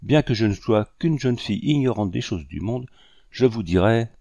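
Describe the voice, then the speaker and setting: A man reading aloud voices an earnest young lady of colonial society, speaking gently and pleadingly. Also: lowish voice, expressive, moderate pace, vocal fry, no room sound, lo-fi sound.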